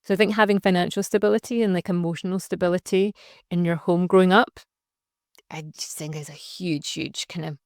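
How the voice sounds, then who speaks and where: A woman's voice: fairly low pitch, steady tone, fairly quick, darkish tone, no echo, studio quality. A young adult woman, a social enterprise founder talking reflectively in a casual interview, with plenty of fillers and restarts. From Scotland.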